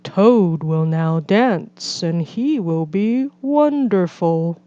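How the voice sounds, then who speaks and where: A strange, solemn disembodied announcer from a storybook dream, put on by a woman. Each formal phrase is drawn out very slowly, in a slightly dull recording. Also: fairly low pitch, animated, mellow, clean tone, dry recording. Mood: grand, eerie.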